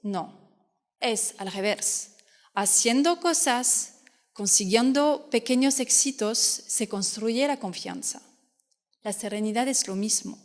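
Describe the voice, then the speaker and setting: A fertility coach from France talks earnestly at a fertility fair, speaking Spanish as a non-native with her French accent. Her voice sits on the high side and is animated yet slow, and her explanations come with frequent restarts. Hall reverb is audible.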